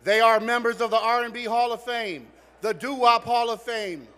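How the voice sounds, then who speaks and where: A state representative giving a formal floor introduction of guests at a lectern microphone in a large legislative chamber, reading out a list of names and credits. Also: male voice, very high-pitched, normal speed, sharp tone. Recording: long reverb of a big chamber.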